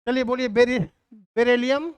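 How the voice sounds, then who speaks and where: A teacher leads a live online class, calling out lists and making students chant them back. The voice is smooth and crisp, recorded dry and close. Mnemonics are sung out slowly, line by line. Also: mid-range voice, steady tone, no echo. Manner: drills students in call-and-response recitation.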